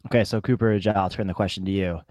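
A man's voice: low voice, steady tone, quick pace, a little mellow, no room sound. A man hosting a podcast who playfully steers the chat and puts questions to his co-hosts. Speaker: podcast host. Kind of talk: casual podcast moderation.

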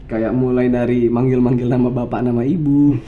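A man's voice: mid-range voice, little pitch movement, brisk, phone-quality sound, a little hiss or hum. A man from Java hosting a casual chat interview, joking in slangy talk and laughing often. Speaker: host.

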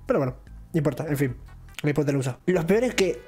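A young channel host with an Argentine accent rambles through a long, casual story, animatedly acting out what people said. His voice is fairly high, quick, and slightly rough, with soft music in the background.

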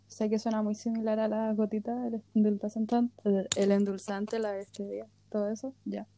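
A woman's voice: mid-range voice, completely flat delivery, moderate pace, dark tone, slight background noise. A woman in her early twenties with a Chilean accent, co-hosting a casual podcast with jokes and frequent laughter. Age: 20s. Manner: joking, self-mocking, laughs often. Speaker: podcast co-host.

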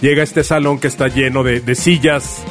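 A man's voice: medium pitch, fairly even intonation, a little fast, soft background music. A man with a Mexican Spanish accent, co-hosting a casual comedic chat and spinning a playful story. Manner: playful storytelling, puts on voices. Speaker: podcast co-host.

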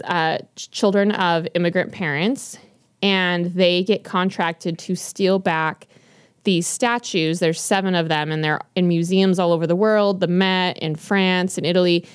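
A woman co-hosts a podcast, chatting casually about books she recommends while rambling with lots of fillers and restarts. Her voice is smooth and on the low side, recorded in clean studio sound without echo.

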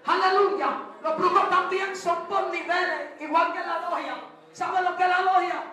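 A woman preacher, delivering a fervent sermon that swings between shouting and hushed testimony. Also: extremely high pitch, steady tone, moderate pace. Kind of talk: Pentecostal-style sermon. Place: large church hall. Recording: very echoey hall, distant mic, congregation.

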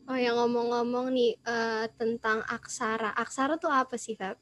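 A teenage girl co-hosts a podcast, her fairly high, bright voice holding steady at a normal pace. She chats casually and agreeably, dropping slang and English fillers.

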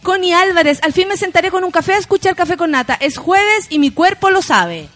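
A woman's voice: extremely high pitch, animated, fairly quick, fairly bright tone. A Chilean woman hosting a morning radio show, chatting casually and reading listener messages aloud. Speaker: radio host.

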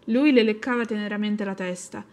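A woman narrates a children's novel in a steady, expressive audiobook reading. Her voice sits at an ordinary pitch, clear and even. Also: fairly quick.

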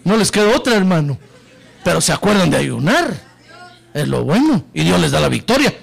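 A man preaching a sermon with passion, dropping to low murmurs and rising to shouted peaks, often calling listeners "brother". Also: big pitch swings, moderate pace, creaky, husky. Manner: keeps addressing listeners as "hermano". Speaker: pastor.

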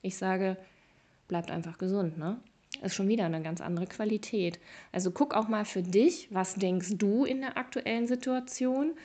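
A woman hosts her own motivational podcast in a chatty, conversational way. She speaks directly to the listener and leans into words with lively, playful emphasis. Her pitch sits in an ordinary middle range. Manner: casual and chatty with fillers. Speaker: podcast host.

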